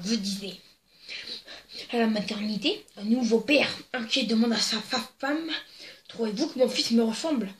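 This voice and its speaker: A woman's voice: on the high side, fairly bright tone. A young woman casually reading jokes to camera, giggly and rambling with crude asides, on a desk microphone. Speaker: joke-telling video host. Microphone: plugged-in desk microphone. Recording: echoey room.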